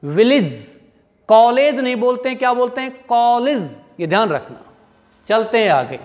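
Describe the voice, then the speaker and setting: A man's voice: very high-pitched, very animated, brisk, long reverb tail. A male teacher with an Indian English accent gives a grammar lesson, asking his pupils questions and then answering them himself, and spelling words out letter by letter.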